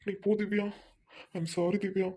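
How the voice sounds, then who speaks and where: A woman's voice: medium pitch, little pitch movement, measured pace, dark tone, a little hiss or hum, natural voice. A woman voicing a troubled young husband, a doctor, who apologizes and snaps in anger by turns. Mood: distressed. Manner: apologetic, then snapping in anger.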